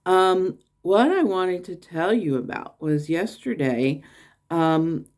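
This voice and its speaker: This American channel host rambles through a casual travel story on her vlog, full of fillers and restarts. Her darkish voice moves slowly with lively intonation, and she acts out quoted people in a higher voice.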